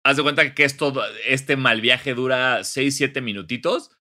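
A young Mexican man co-hosting a podcast, joking in a playful way, often stammering and restarting, and sometimes dropping to a low mutter. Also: steady tone, measured pace, pushed and bright. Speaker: podcast co-host. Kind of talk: casual comedic chat.

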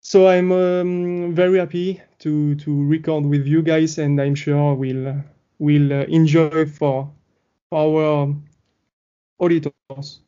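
A young man from France with a French accent, speaking English haltingly and searching for words. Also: on the high side, little pitch movement, warm tone, highs cut off. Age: young adult. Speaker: podcast co-host.

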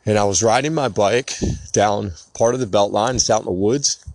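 Earnest low-voiced man, dry sound. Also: normal speed, a little mellow, no room sound. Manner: earnest, emotional, rambling with many restarts. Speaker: podcast host. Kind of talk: personal storytelling monologue.

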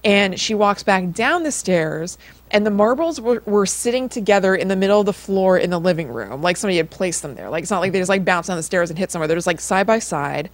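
This woman talks fast and animatedly at a medium pitch. As a podcast co-host, she tells a story in a loose, conversational style, her informal speech packed with filler like "like" and "kind of."

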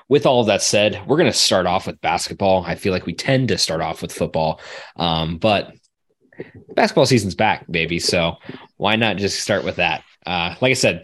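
Low-voiced man hosting a sports podcast. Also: fairly bright tone. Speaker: podcast host. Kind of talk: casual sports podcast chat.

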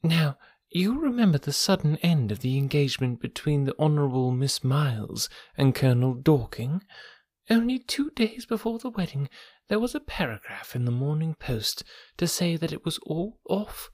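Man voicing a smug blackmailer for an audiobook: high, whispery purr, sing-song and mocking. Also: big pitch swings, moderate pace, no room sound, studio quality. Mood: silky, mocking. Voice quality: soft, breathy, half-whispered purr. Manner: silky and mocking, lingering on words. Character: oily, smug gentleman blackmailer, middle-aged man. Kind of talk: audiobook character reading.

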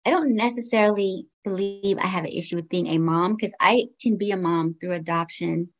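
Here a woman in her forties talks at a medium pitch and a slightly fast clip. As a podcast guest from Guyana who grew up in the United States, she responds to interview questions candidly and with reflection.

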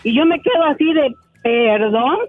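A woman's voice: sits high, moderate pace, over music. A woman calling in by phone, telling an indignant story with lots of energy. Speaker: caller. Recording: tinny phone line.

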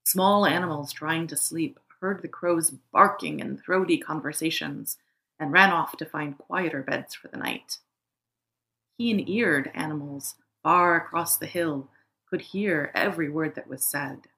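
Calm woman reading a fable. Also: low-pitched, a little slow, creaky. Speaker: podcast co-host reading a fable. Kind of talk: storybook narration.

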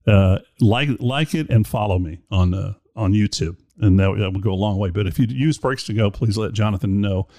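A man's voice: lowish voice, moderate pace, hardly any pauses, dark tone, no room sound, studio quality. A man hosting a podcast in casual chat, talking in a rambling, chatty, self-deprecating way. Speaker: podcast host. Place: indoor room.

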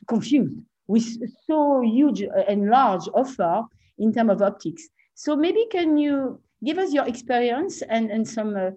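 Woman moderator for a medical panel: fairly high, soft-edged voice, courteous, roundabout delivery. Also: highs cut off. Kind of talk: moderated expert discussion.

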